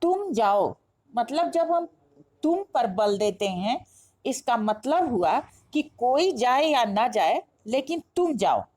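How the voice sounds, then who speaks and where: A woman teaching a grammar lesson, explaining step by step and asking herself questions before answering them. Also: fairly high pitch. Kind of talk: classroom-style lesson explanation.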